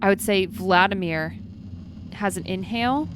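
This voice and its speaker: A woman's voice: medium pitch, measured pace, background noise. A woman running a tabletop role-playing game, narrating the scene to her players as game master. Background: background music.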